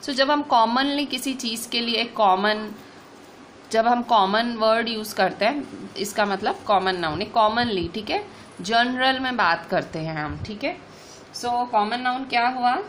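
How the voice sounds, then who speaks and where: A woman teaching an online grammar class, explaining slowly, restating points and checking in with "okay" after each one. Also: a little high, a bit bright, slight background noise.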